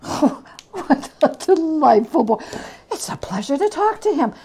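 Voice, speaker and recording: A woman takes on the part of a repentant old miser man in a dramatic storybook reading, her high-pitched voice dark in tone, very animated, and measured in pace. Stammering and exclaiming with overwrought emotion, the character pleads and then becomes giddy and overjoyed.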